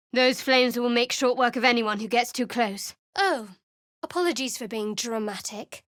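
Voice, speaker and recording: Voicing a young cleric adventurer in a video game, a woman with a slightly high, natural voice plays the character as guarded and sardonic, with dry, cutting wit and cool reserve. There's no echo.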